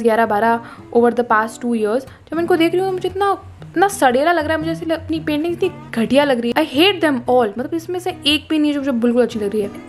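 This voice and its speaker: Young woman, from India, high voice, rambling late-night vlog, Hindi-English mix, casual swearing, lying on the floor, phone camera, faint guitar music. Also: darkish tone. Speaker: vlogger. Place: lying on the floor indoors at home. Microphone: phone camera up close.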